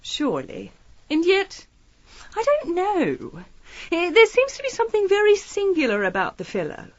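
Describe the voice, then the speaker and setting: Hilary Caine, lilting, breezy sleuth. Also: female voice, extremely high pitch, wildly swooping pitch, moderate pace, dry recording, lo-fi sound, full character voice. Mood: slyly probing. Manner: chatty, airily polite, disarming. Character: shrewd, breezy female amateur detective, feigning innocence. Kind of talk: audio drama acting, period mystery.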